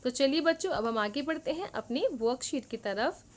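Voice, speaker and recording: A woman teaching a worksheet lesson to young children, explaining in Hindi and reading English lines slowly. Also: sits high, lively intonation.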